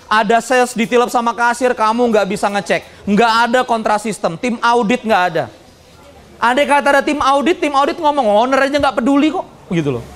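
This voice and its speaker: A man giving a lively, joking seminar talk on business and addressing the audience directly. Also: extremely high pitch. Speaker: business speaker and motivational trainer.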